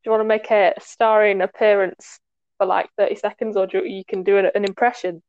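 A woman's voice: medium pitch, flat delivery, a little fast, darkish tone, dry recording, lo-fi sound. A woman guest on a casual podcast, self-deprecating and giggly. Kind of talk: casual chat.

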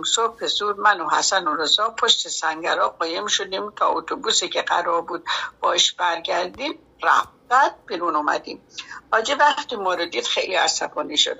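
A woman narrating a first-person story in an earnest, steady way, on a dull lo-fi recording. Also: lowish voice, vocal fry, slightly rough.

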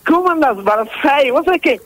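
A man with a Rioplatense accent calling in to a radio show, telling a story in an excitable, playful way. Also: very high voice, normal speed, rough recording. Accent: Rioplatense Spanish. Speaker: caller. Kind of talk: phone-in chat on radio.

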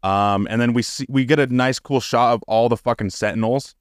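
A man's voice: a little fast, clear, resonant tone, no room sound, clean studio sound. Profane ranting man podcast host. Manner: profane, ranting, gets loud and high when exasperated. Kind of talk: casual podcast chat.

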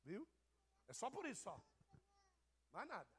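A high-pitched man delivers a loose, chatty sermon. He teases and jokes with people in the pews as he preaches. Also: huge pitch swings, a little slow, a bit bright. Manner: teasing, jokey, addresses people in the pews. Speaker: pastor. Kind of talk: informal sermon to a congregation.

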